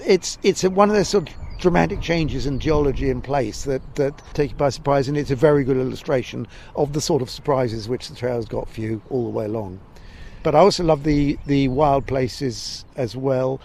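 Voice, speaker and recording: Male walking guide, southern English, creaky voice, halting unscripted interview delivery, faint outdoor noise behind. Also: medium pitch. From Essex, England. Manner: hesitant, discursive, stop-start. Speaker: walking guide and festival guest. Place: outdoors near a creek by the estuary. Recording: steady background noise, outdoors.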